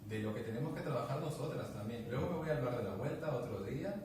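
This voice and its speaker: A male guest speaker chats casually, telling anecdotes and acting out the dialogue with many restarts. He talks fast at a medium pitch with lively intonation. The recording has an echoey room, a distant mic, and background noise.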